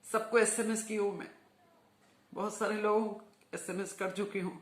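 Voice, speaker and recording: A woman speaks in an impassioned appeal, driving her points home by repeating words. Her voice sits at a middle pitch. The recording carries a roomy echo. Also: steady tone, moderate pace. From Hyderabad, India. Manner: fervent, emphatic, repeats words for emphasis. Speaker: religious speaker.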